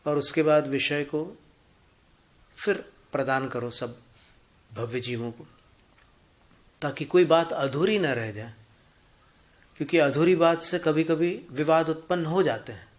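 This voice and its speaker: A male Jain preacher gives a religious discourse in a measured, teacherly manner. He explains points through everyday anecdotes and examples. His voice sits a touch high for a man.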